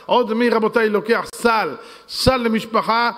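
A male rabbi with a high voice pleads and presses his congregation, repeating his appeal over and over. His words ring out with long reverb in a synagogue hall. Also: fairly even intonation, fairly bright tone. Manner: insistent, pleading, repetitive. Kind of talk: fundraising sermon appeal. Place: synagogue hall with women's section.

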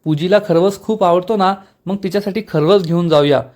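A man's voice: sits high, a little mellow, close to an everyday voice. A man reading out a feisty young bride. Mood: snappy. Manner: quick-tempered, retorting.

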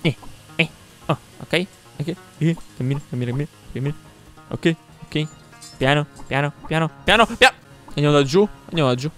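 A young man commentating his own gameplay live, excitable, repeating words in quick bursts and swearing when things go wrong. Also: a little high. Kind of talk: live let's-play commentary. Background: game music.

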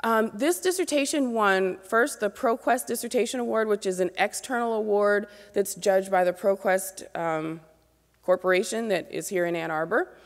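A woman in her forties gives an earnest, motivational keynote from a podium microphone on an auditorium stage, addressing new graduate students directly. Her voice is mid-range at a moderate pace, and the large hall adds a long reverb.

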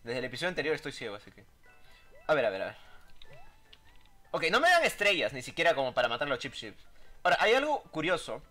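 A man's voice: on the high side, quick pace, pauses often. A man casually commentating his own gameplay, joking, fretting and yelping at surprises. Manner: excitable, jokey, yelps at surprises. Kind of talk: casual let's-play commentary. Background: game music.

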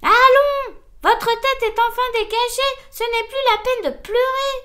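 A woman voicing a fretful, excitable female slug in a read-aloud storybook. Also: measured pace. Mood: agitated. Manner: high, agitated exclamations.

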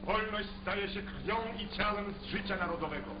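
A high-pitched Polish-accented man gives solemn, declamatory newsreel narration from 1940s newsreel film. He sounds far from the mic, in an echoey space, on a dull lo-fi old newsreel soundtrack. Loud music plays under him. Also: moderate pace. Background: loud music score.

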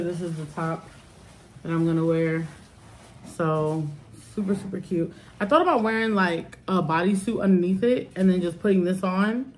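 A woman's voice: lowish voice, darkish tone, slight background noise. A young woman chatting casually to camera in a home vlog, rambling with lots of "like" and "um.". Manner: chatty, rambling, many "like" and "um" fillers. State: out of breath, rushed. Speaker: vlogger.

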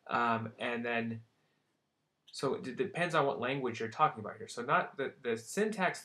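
A man's voice: medium pitch, a bit bright. A young man teaching psychology terms in a casual recorded lecture, checking in often and making light jokes. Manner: casual, checks in with "right?" and "okay?"; light joking asides.

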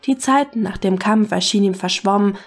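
Woman, story reader, steady even narration, mid pitch, faint music behind. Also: brisk. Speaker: fan-fiction reader. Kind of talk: scripted narration.

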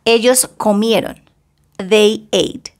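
A woman teaching English grammar, slowly reading bilingual example sentences with careful pronunciation. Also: mid-range voice, fairly even intonation. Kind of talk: slow bilingual grammar lesson.

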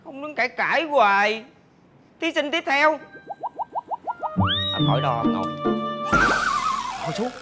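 An actor playing a flamboyant, bossy pageant walking coach who gives theatrical, sing-song instructions. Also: male voice, very high voice, huge pitch swings, measured pace, long pauses, full character voice. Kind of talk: TV sitcom acting. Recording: music score underneath.

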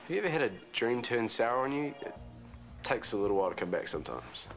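A man's voice: mid-range voice, big pitch swings, fast talker, gravelly, fairly bright tone, soft background music. An actor in his twenties with a New Zealand accent plays a cheeky, eager young barman with a stammering, informal way of talking in a TV soap. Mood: defensive, earnest. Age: 20s. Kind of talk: naturalistic TV soap acting.

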